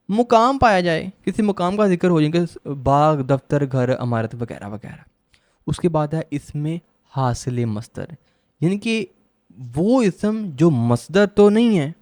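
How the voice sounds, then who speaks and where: Guy teaching a grammar lesson, dry voice, asks a question then answers it, repeats every rule slow. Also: fairly high pitch, darkish tone, dry recording. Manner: repeats definitions slowly. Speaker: law admission test tutor. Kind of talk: grammar lecture.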